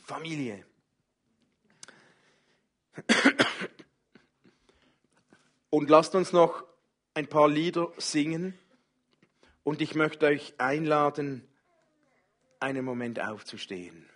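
A man preaching a sermon as pastor, speaking slowly and gently and inviting the congregation to worship. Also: fairly high pitch. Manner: slow, gentle, speaks softly in personal address.

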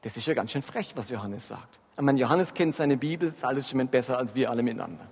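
A man's voice: mid-range voice, lively intonation, fast, vocal fry, husky. A man preaching a sermon and often asking his listeners whether they are following. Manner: addresses the congregation with frequent check-in questions. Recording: long hall reverb.

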